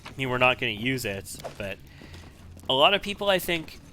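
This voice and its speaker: A man's voice: mid-range voice, big pitch swings, a little fast, bright, forceful tone. A man giving casual, analytical gameplay commentary, sometimes repeating himself as he thinks. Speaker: video game let's player. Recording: faint background noise.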